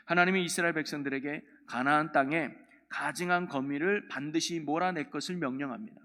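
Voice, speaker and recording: A man's voice: a little high, a bit bright. A man preaching a dawn prayer sermon as pastor, asking the congregation questions and reading scripture aloud. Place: church sanctuary. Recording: long church hall reverb.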